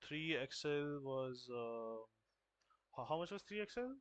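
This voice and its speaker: A man's voice: a little high, animated, measured pace, clean tone, dry recording. A man casually thinking aloud while following a coding tutorial, hesitant and muttering to himself with joking asides.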